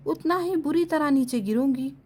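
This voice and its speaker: A woman's voice: high voice, moderate pace, mellow, lightly acted. A woman reading the part of a stern young male university lecturer, curt and commanding. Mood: cold.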